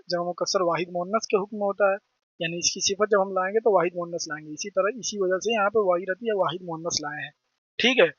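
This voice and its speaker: A man's voice: sits high, dry recording, muffled recording. A man with a delivery teaching Arabic grammar, who keeps asking questions and answering them himself. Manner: repeats terms, asks and answers own questions. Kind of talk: explaining grammar lesson.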